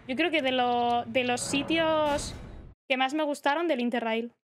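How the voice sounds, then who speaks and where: A young woman streaming from the Basque Country chats casually and rambles as she games, reading chat messages aloud. Her voice sits high and moves a little slowly, with faint music in the background.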